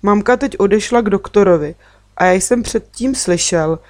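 A woman's voice: medium pitch, a little mellow, dry recording, lightly acted. A woman reading a storybook, voicing an anxious, tearful little boy who talks in sobs. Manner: sobbing, pleading.

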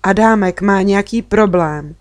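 A woman reading a storybook, voicing a cheerful, kind young girl who stays calm and friendly. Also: medium pitch, dry recording, close to an everyday voice.

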